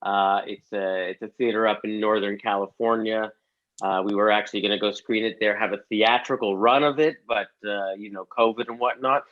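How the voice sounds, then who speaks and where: A man's voice: fairly low pitch, fairly even intonation, a little fast. Joking man on dull lo-fi call audio. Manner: joking, self-deprecating asides. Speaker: comedy series co-creator, guest. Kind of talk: casual panel chat.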